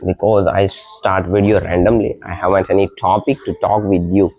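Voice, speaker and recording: Practicing English during a laid-back morning vlog, a young man whose first language is Indian speaks from an outdoor balcony as birds chirp in the early hours. Because of a cold his voice is extremely deep, level and slightly mellow, and he hesitates often with uhs, fillers and short laughs. The noise-cancelling mic captures a dry, close sound.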